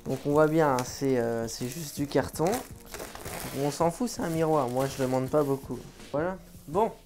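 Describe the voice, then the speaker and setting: A man from France chats to his viewers from home in a loose, joking vlog. He sounds offhand and playful. Soft music plays faintly behind him. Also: medium pitch, normal speed. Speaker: vlogger. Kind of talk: casual vlog chat. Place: at home indoors.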